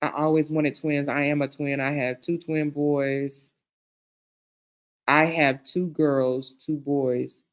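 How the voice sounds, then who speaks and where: A middle-aged woman hosts a live stream, reading viewer comments aloud and reacting chattily, calling people "girl," "honey" and "child." She speaks slowly in a low voice with a flat delivery.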